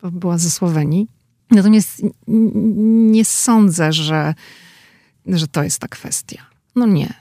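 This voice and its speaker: Low-voiced woman correspondent, dry sound. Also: no room sound. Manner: animated, quick to disagree. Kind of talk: casual discussion.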